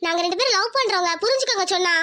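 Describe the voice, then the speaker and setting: A woman voicing a gentle, poor young village girl in a cartoon, pleading and tearful. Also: very high-pitched, rapid-fire. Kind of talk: cartoon voice acting.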